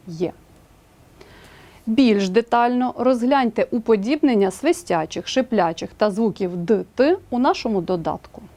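A woman with a Ukrainian accent reading a scripted language lesson, spelling out example words slowly and clearly. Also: on the high side, mellow. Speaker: language teacher.

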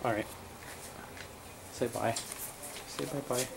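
A man's voice: medium pitch, steady tone, takes it slowly, vocal fry, background noise. Laid-back man narrating his camcorder vlog. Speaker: vlogger filming. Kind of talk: casual vlog chat. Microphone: handheld camera.

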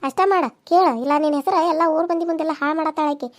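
A woman's voice: sits high, steady tone, racing, no echo, clean studio sound, close to an everyday voice. A woman voicing a young widowed village mother who pleads and sobs as she complains, with a North Karnataka accent. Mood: hurt. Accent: North Karnataka Kannada. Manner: tearful, pleading, sobbing complaint. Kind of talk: cartoon serial dialogue.

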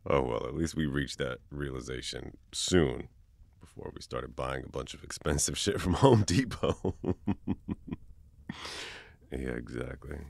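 A young man with an extremely deep, gravelly voice speaks in a whispered role-play, close on the mic in a dry, deadened sound. He talks casually, swearing and teasing, then softens into gentle comfort. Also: a little slow, pauses often, no room sound. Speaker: ASMR boyfriend role-play performer.

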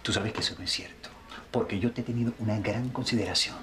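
An actor playing a guarded man who quietly and restrainedly rejects a former lover in a telenovela. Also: lowish voice, fast, slight background noise, natural voice. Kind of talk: telenovela acting.

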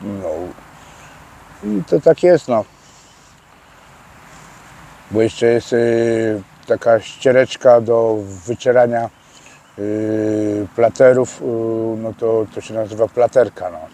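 A man's voice: on the low side, slow pace, long pauses, dark tone. A man giving casual interview answers outdoors, hesitant and full of fillers and restarts. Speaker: interviewee explaining prison slang. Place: outdoors by a street.

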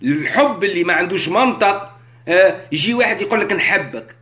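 A man's voice: high voice, expressive, fast, a bit bright. A man with a Tunisian accent in a casual live-stream monologue. He talks rhetorically, mixes in French, and keeps asking his listeners if they understand. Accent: Tunisian Arabic. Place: indoors, live on social media. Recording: echoey room.

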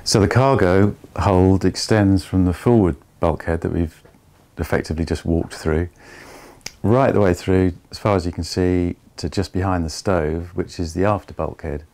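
A man in his fifties giving a measured, step-by-step tour of an old barge's wooden hold. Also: low voice, fairly even intonation, a little mellow. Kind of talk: explanatory walking tour.

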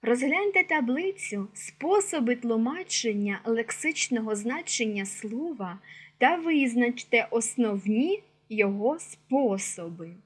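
Husky woman narrating a language lesson. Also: a little high, expressive. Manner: clear, measured explanatory delivery. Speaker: teacher. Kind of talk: scripted educational narration.

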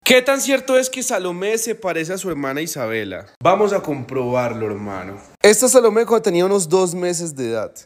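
A man's voice: high-pitched, sing-song, brisk, few pauses. A man, making playful family skit videos and cooing at his pets. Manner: playful, coos affectionately. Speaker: family vlogger. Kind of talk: comic family skits and pet vlog.

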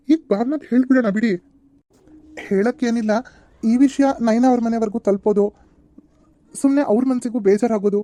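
A calm young husband from a cartoon serial, voiced by a woman, talking softly and reassuringly. The voice sits a bit high for a man, with a mellow, dark tone. He explains things patiently to his wife and in-laws. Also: no room sound, close to an everyday voice.

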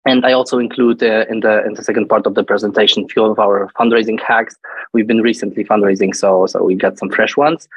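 A man's voice: lowish voice, fairly even intonation, fairly quick, breathy edge, dry recording, muffled recording. A man giving a conference presentation as a guest speaker over a video call, friendly, with some hesitant restarts. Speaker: guest speaker, venture fund partner.

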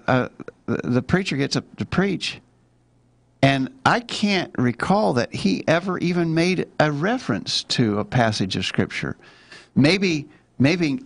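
A man hosting a live Bible study, reading scripture aloud in an earnest, halting way. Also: a little high, dry recording. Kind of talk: casual Bible study talk.

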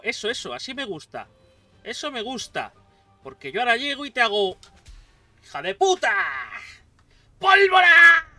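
Excitable man, Spain Spanish accent, high bright voice, let's play commentary, sits back from the mic over game music. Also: dry recording, distant mic. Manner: excitable, swears and yells at the game. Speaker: gaming YouTuber.

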